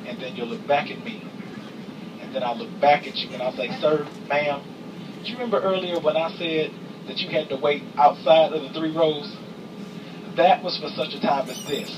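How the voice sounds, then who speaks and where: A male flight attendant delivers a comic cabin announcement from some distance, through obvious background noise. His voice sits a little high for a man, and he talks with dry, mock-stern sass, repeating himself for emphasis. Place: aircraft cabin. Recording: distant, noisy aircraft cabin capture.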